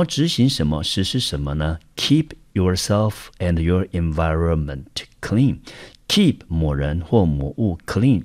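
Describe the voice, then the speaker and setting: Deep-voiced guy from taiwan teaching english vocab, patient and step by step. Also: darkish tone. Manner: patient explaining, frequent "好" to pace steps. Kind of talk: vocabulary lesson.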